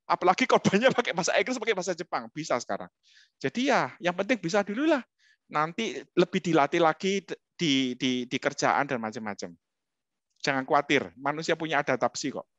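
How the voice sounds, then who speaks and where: A middle-aged man giving a humorous, animated talk as a webinar guest speaker, speaking straight to his listeners. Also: fairly high pitch, fast talker, no echo, dull audio. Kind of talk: lively storytelling talk.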